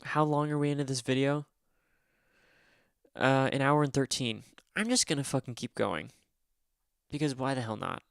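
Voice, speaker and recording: A man's voice: mid-range voice, moderate pace, gravelly, pauses often, a bit bright, clean tone, no room sound. A young man talks casually into a close mic, his mid-range voice dry with no room sound. He rambles and swears often, laughing at himself as he goes. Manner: rambling, swears a lot, self-deprecating. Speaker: livestreamer.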